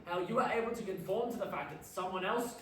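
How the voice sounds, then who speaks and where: An actor playing a puzzled young performer who questions and muses, in an ensemble stage piece. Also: male voice, sits high, quick pace, distant mic, natural voice. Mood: musing. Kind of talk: devised ensemble theatre. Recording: echoey stage recorded from afar.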